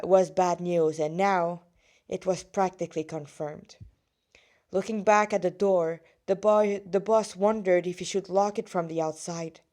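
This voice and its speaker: Reading her fan fiction out loud, a medium-pitched woman with a mellow voice falters often, fixing her mistakes and adding offhand comments like an amateur.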